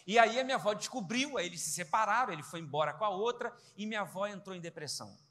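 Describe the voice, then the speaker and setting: A man tells a comic story from the pulpit in a high, quick voice, snapping between the people in it as he acts out their lines. His voice rings bright and carries a long reverb through a large hall. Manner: animated, quotes family in quick dialogue. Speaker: preacher. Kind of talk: humorous sermon storytelling.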